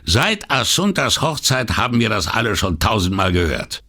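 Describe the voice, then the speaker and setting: A man's voice: lowish voice, sing-song, moderate pace, pushed and bright, pitched above the performer's own voice, exaggerated voice. A man voicing a boastful, coarse older workman who gossips bluntly and is proud of himself. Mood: gossiping. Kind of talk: audiobook dialogue reading.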